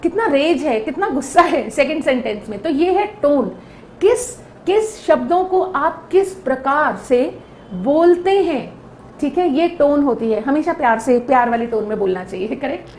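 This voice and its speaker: A woman's voice: sits high, darkish tone, reverberant, a little hiss or hum. A woman giving a lecture, explaining step by step and often checking in with her listeners. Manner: explaining with repeated check-ins. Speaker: teacher.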